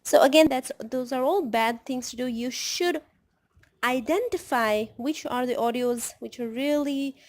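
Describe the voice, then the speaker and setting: A woman's voice: high voice, measured pace. A middle-aged woman tutoring test takers in a video lesson, explaining step by step and often checking in with "right?". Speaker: TOEFL tutor. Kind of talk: video lesson, advice to students.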